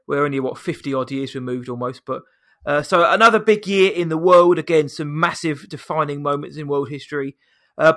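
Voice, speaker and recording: On a casual film podcast, a male co-host with a high, squeaky voice chats his way through names and box-office numbers. He sounds bright and forceful, and he pokes fun at himself along the way.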